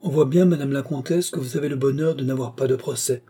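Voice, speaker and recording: A man voicing a lively, flattering royal favorite, a countess, in an audiobook reading. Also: mid-range voice, fast talker, husky, voice pushed up. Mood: brisk.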